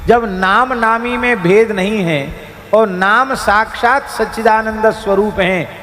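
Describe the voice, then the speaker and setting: A man giving a devotional sermon, with an emphatic rising and falling delivery and slow chanted verses. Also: high voice, slight background noise. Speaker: spiritual preacher. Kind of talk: devotional discourse. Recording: reverberant hall with soft music.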